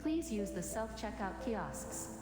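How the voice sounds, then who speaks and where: A woman voicing a calm automated store announcer over a supermarket loudspeaker, polite and measured. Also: mid-range voice. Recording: echoey hall announcement with loud music.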